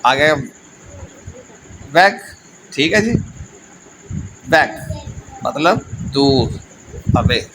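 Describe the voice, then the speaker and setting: A man's voice: a little high, extremely slow, pauses often. A man teaching a vocabulary lesson, repeating each word and often checking in with his students. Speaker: German language teacher. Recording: steady background noise.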